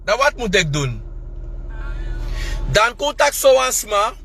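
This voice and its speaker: High, bright-voiced man. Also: big pitch swings, takes it slowly, gravelly, slightly rough. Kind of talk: casual monologue to viewers.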